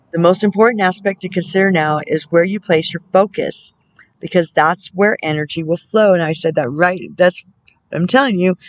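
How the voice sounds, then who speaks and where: A woman working as a spiritual counselor, reading oracle card texts aloud in a measured way and breaking off now and then to muse and comment to herself. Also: lowish voice, dry recording, rough recording. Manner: measured reading broken by musing, self-amused comments.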